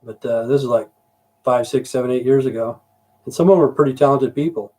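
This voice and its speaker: Fairly quick and darkish in tone, this mid-range voice belongs to a middle-aged Idaho livestream host. He swears and rambles casually, dropping "you know" again and again.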